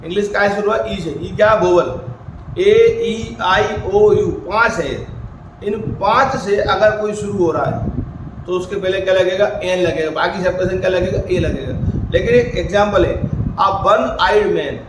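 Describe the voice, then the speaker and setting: A man teaching a grammar class in a high voice. He keeps asking the class questions and answering them himself, and he voices the students' doubts in his own voice. The room is echoey, with faint background noise. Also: fairly even intonation, normal speed. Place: coaching academy classroom.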